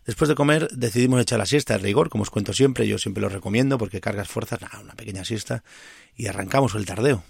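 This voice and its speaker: A man's voice: on the low side, fast talker, creaky, slightly rough, no echo, clean studio sound. A man from Tarragona, a podcast host, casually recounting a pilgrimage stage with many restarts and self-corrections. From Tarragona, Spain. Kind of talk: casual travel storytelling.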